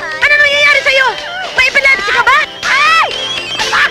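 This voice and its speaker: A frantic comic woman yelps and exclaims at a very high pitch. Her voice leaps all over, and a loud film score plays behind her. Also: big pitch swings, normal speed, over loud music, over a noisy crowd. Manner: shrieking, exclamatory. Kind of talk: film slapstick comedy.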